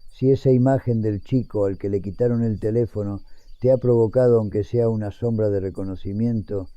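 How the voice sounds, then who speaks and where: An elderly man around a hundred years old narrates a scripted, reflective story in a solemn, measured manner. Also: fairly low pitch, steady tone, mellow, no room sound, highs cut off. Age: 100. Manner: solemn, measured, literary phrasing.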